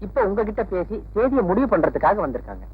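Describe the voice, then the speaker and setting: A man's voice: sits high, sing-song, quick pace, narrow, tinny audio, heavily acted. A man playing a businesslike manager who introduces visitors. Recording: thin, husky old film soundtrack.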